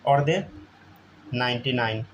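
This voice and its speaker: A man's voice: medium pitch, slow pace, slight background noise. A man teaching a chemistry class, constantly prompting students to answer and checking they follow. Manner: keeps asking students to answer, often says "theek hai". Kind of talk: live classroom lesson.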